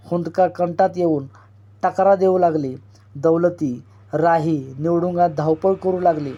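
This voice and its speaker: A man reading a novel aloud as a storyteller and channel host, in an expressive, dramatic way. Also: on the high side, dull audio.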